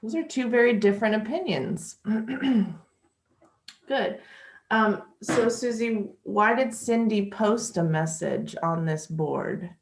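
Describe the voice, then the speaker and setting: Slow, patient woman teaching a lesson. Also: medium pitch, lively intonation. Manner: slow, patient, chatty with light laughs. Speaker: English teacher. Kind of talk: online language lesson. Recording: echoey room.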